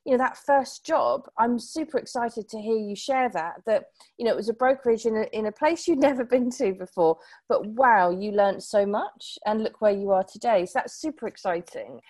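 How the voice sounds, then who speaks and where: A woman's voice: a little high, normal speed, a little mellow. A woman hosting a podcast, enthusiastic and effusive as she responds to her guest. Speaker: podcast host. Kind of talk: interview hosting.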